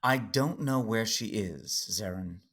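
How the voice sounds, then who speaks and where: In an audio drama, a man plays a calm, knowing alien Jedi in a husky, fairly low voice, speaking slowly. His manner is understated and gently challenging, guarded and wry.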